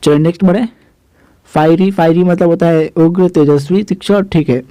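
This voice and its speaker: In a vocabulary lesson, a young man teaches the meanings of English words, spelling each one out letter by letter, repeating the meanings, and calling his viewers "guys." His voice is on the high side, steady, dark, and at normal speed. The audio has no echo but is poor in quality.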